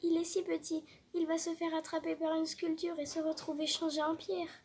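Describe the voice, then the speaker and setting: A woman's voice: very high voice, fairly even intonation, normal speed, slight background noise, voice pushed up. A woman voicing a tearful lady in a painting. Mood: pleading. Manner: soft and pleading.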